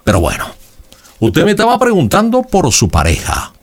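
A man's voice: a little high, huge pitch swings, normal speed. A man playing a theatrical TV psychic. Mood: dramatic. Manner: dramatic, sing-song, leading questions. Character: theatrical male psychic reading cards and shells. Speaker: fortune teller on a call-in. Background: background music.

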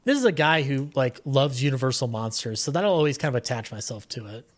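As a guest on a casual podcast, a man chats in a medium-pitched, animated, slightly fast voice, rambling on with a fan's enthusiasm.

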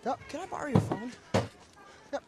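A man's voice: extremely high pitch, lively intonation, moderate pace. A young man playing a nervous, polite teenage boy, hesitant and stammering, in a film. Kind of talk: naturalistic film acting. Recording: film audio with music behind.

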